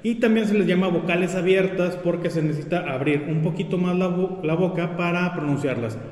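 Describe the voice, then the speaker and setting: Guy teaching spelling, slightly high voice, keeps saying ok, long echo in the room. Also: darkish tone. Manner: patient, repeats examples slowly, fillers "eh" and "¿ok?". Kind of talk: spelling lesson. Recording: echoey room with long reverb.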